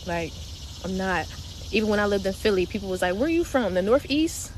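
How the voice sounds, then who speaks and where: A woman's voice: mid-range voice, a little fast, rough recording. A young woman from Delaware with a slight New York twang, chatting casually and profanely on a livestream, laughing often. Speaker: spiritual livestream host. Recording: steady background noise.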